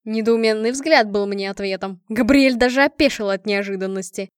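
A woman's voice: medium pitch, normal speed, clear, resonant tone, no room sound, studio quality. Woman narrating a fantasy audiobook.

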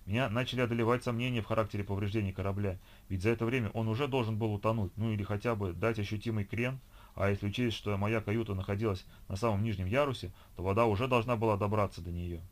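A man narrating an audiobook in an even, measured reading. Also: on the low side. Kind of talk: scripted narration.

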